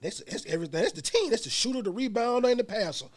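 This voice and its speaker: Speaking in rapid bursts with a very high-pitched voice, this podcast host keeps a casual interview lively, pressing his guest for their story. His talk is full of profane street slang and repeated "you know what I'm saying."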